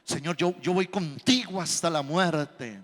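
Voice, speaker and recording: A man voicing an impulsive male disciple, pleading in a hushed, insistent way. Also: a little high, unhurried, in a large hall, pitched below the performer's own voice. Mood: devoted.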